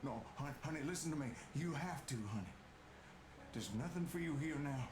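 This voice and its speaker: A man's voice: a little high, a little fast, lightly acted. A man playing a desperate, infected father in a video game cutscene, with stilted, overwrought acting. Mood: tearful pleading. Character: desperate infected father pleading for his daughter. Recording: echoey, noisy game audio over stream.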